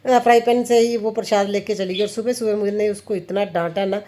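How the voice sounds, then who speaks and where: Speaking fairly quickly in a mid-range, dark voice with fairly even intonation, a woman from India in her thirties chats about her family and kitchen routine while she works. She's a home vlogger and mother who laughs a lot and quotes family conversations.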